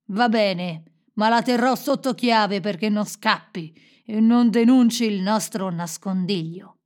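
A woman voicing a gruff, frowning bandit chief in a storybook. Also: mid-range voice, unhurried, natural voice.

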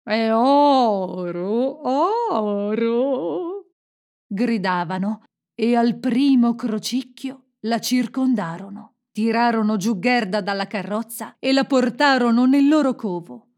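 A woman narrating a fairy tale in a gentle, expressive storytelling manner. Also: on the high side, measured pace.

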